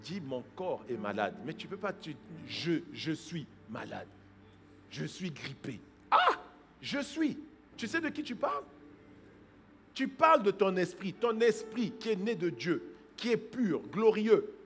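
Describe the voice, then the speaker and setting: With a high voice and big pitch swings, a male pastor preaches unhurriedly over slight background noise. He alternates hushed asides with loud exhortation, voices people's excuses as quotes, and bursts into praying in tongues.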